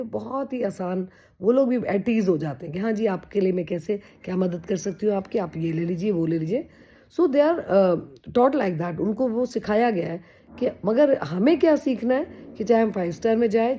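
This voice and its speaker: A woman's voice: medium pitch, dark tone. A woman talking straight to her viewers in an earnest, chatty way, mixing English phrases into her speech as she gives encouraging advice. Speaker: vlogger. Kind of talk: casual motivational talk to camera.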